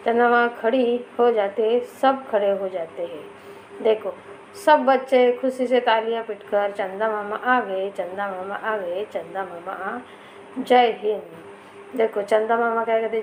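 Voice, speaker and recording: Female teacher, slightly high voice, patient line-by-line story explainer for children. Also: a little mellow, a little hiss or hum, poor audio. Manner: reads each line, then repeats it with a question.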